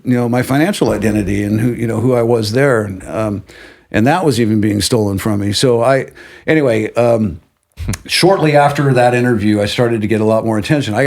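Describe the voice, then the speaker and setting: A middle-aged man, a guest on an interview podcast, telling a personal story in a casual, animated way and acting out what others said. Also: medium pitch. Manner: animated, acts out quotes of others.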